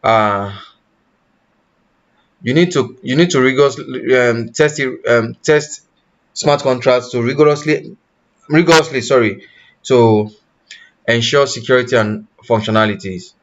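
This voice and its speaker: A man teaching blockchain development in a live online class, pausing often and correcting himself, and checking in with "you understand?". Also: mid-range voice, muffled recording. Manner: halting, self-correcting, asks "you understand?". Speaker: tech instructor.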